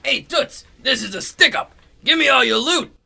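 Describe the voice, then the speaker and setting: A man playing a gruff, wisecracking mugger in a comic radio drama. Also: very high-pitched, animated, moderate pace, very noisy, full character voice. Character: tough-guy mugger and bumbling male customers.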